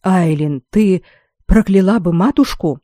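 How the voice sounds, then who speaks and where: A woman's voice: fairly low pitch, unhurried, dark tone, no room sound, clean studio sound. A woman reader voicing an exasperated young nobleman who pleads with his mother and sister to stop. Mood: pleading. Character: torn young nobleman brother, head of family.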